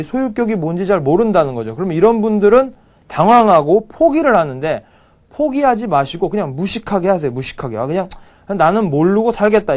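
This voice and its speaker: A man with a slightly high, lively voice teaches English grammar. He drills English example sentences slowly and over and over. Between drills he talks in a blunt, chatty way. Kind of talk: spoken English lesson with drills.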